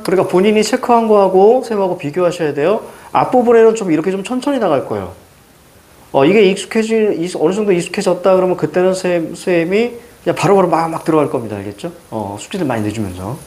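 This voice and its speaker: A middle-aged man teaching Korean literature for exams, lecturing in a lively way and firing quick questions at his students. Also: sits high. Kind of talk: exam-prep lecture.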